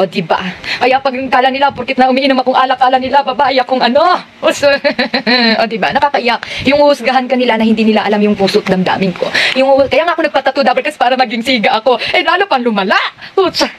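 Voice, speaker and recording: A woman speaks heartfelt and confessional to her online followers. She talks quickly in a slightly high voice and keeps restarting her sentences. A faint background hum sits under her voice. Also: poor audio. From Philippines. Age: adult with daughters. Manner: confessional, repeatedly calls the viewers "Dabarkads"; rambling with many restarts. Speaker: online seller and vlogger.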